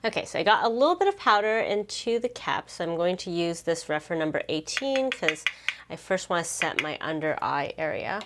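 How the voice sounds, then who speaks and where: A woman giving casual makeup try-on commentary to viewers in a chirpy, upbeat beauty vlogger manner. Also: lowish voice.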